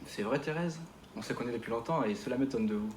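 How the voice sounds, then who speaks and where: A man's voice: mid-range voice, quick pace, a little mellow, slight background noise, close to an everyday voice. Man as a hesitant, fumbling doctor; roomy stage sound. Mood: earnest. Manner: hesitant, many fillers. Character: hesitant male family doctor. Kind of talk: amateur stage sketch. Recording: echoey room.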